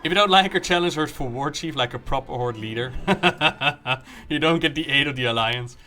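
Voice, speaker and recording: Bright-voiced male game streamer. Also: medium pitch, moderate pace. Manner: joking, acts out dialogue. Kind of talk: live game commentary, recapping story and reading quest text aloud.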